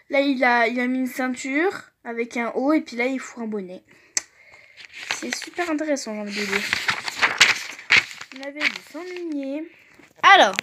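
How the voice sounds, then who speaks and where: Soft-voiced young woman chatting casually. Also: fairly high pitch, a little hiss or hum. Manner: chatty, reads aloud and jokes, trails off into mumbles. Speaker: vlogger. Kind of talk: casual vlog commentary.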